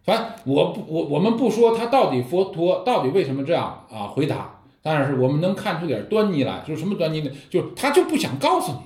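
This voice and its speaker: A man's voice: a little high, fast talker, few pauses. A man teaching about Zen koans in a dharma talk, telling stories and asking rhetorical questions. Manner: lively storytelling with rhetorical questions. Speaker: Buddhist teacher. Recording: echoey room.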